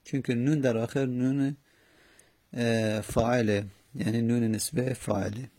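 A man teaching a grammar lesson, slowly and methodically drilling verb conjugations with hesitant fillers. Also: medium pitch, fairly even intonation, mellow. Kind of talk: Arabic morphology lesson in Persian.

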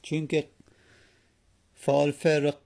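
A man teaching Arabic grammar in a patient way, repeating each word and sounding out the examples slowly. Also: a little high, completely flat delivery, gravelly, a little mellow. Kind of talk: explaining Arabic grammar in Persian.

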